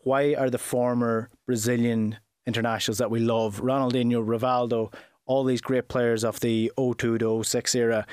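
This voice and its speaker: A man's voice: medium pitch, little pitch movement, normal speed, a little mellow, clear, resonant tone, dry recording, clean studio sound. A man hosting a football podcast, chatty and conversational, asking several questions in a row. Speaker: podcast host.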